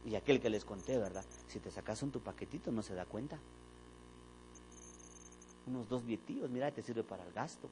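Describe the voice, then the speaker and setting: A man's voice: on the low side, brisk, long pauses, a little hiss or hum, rough recording. A man preaching a sermon in a church, telling stories and acting out the dialogue. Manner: animated storytelling, acting out dialogue. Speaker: pastor. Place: church sanctuary.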